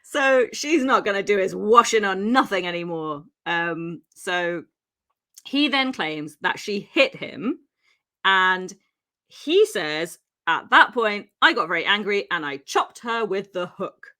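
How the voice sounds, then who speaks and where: A Welsh woman co-hosting a podcast tells a true crime story, her English holding faint Welsh traces. Her mid-range voice is animated, slow, pushed and bright, and she laughs and chats her way through with plenty of ums and asides.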